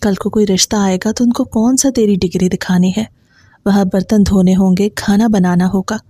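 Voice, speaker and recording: A woman reading the lines of a harsh, dismissive middle-aged father in a gruff, scolding way. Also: mid-range voice, steady tone, mellow, dry recording, clean studio sound, natural voice.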